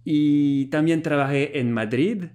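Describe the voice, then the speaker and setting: A French YouTube host in his thirties reviews a language app from his living room, chatting on a phone call and talking to camera. He is friendly and lively, laughs often, and switches languages, speaking slowly in a voice on the high side.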